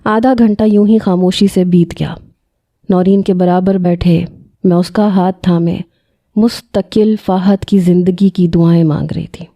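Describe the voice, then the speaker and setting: Dark-voiced woman narrating a story. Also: on the low side, steady tone. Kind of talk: scripted first-person story narration.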